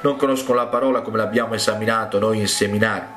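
A man's voice: fairly low pitch, fairly even intonation, quick pace, a bit bright, slight background noise, lightly acted. A man playing a condescending young seminary minister. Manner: lecturing, dismissive.

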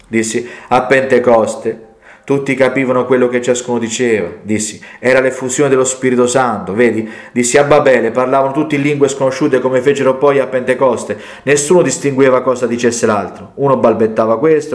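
A man delivers a sermon in a mid-range voice, recounting an argument at length and turning often to his listeners with asides. The sound is roomy, with a clear echo around him. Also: mid-range voice. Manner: retells a debate with many asides. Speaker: preacher. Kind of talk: sermon storytelling.

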